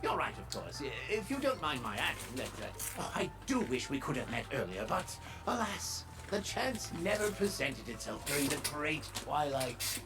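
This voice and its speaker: A woman's voice: low-pitched, sing-song, moderate pace, over music. A woman voicing an eccentric, wordy professor in a video game, courtly and coy, with florid, theatrical, hesitant phrasing. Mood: coy, wistful. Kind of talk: English video game voice acting.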